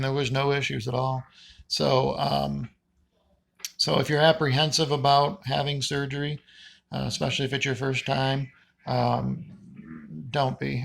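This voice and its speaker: A man with a creaky voice giving a casual, unscripted personal update in a halting, rambling, plain-spoken way. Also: mid-range voice, a bit bright. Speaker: patient vlogger giving a recovery update.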